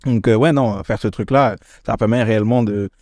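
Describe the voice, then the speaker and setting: A man's voice: on the low side, fairly quick, no echo, studio quality. Laughing French man telling a story. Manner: animated storyteller, laughs often, mimics others. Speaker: podcast co-host, startup founder. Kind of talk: casual chat.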